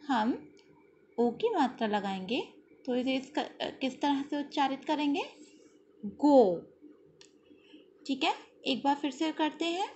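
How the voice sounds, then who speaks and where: A high-pitched woman teacher speaks slowly and patiently to young children, drawing out each sound for them to repeat. The audio is a little dull and lo-fi, with a faint hiss underneath. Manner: slow patient explaining, drawn-out sounds repeated; frequent "ठीक है" and "very good" checks. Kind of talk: children's Hindi lesson.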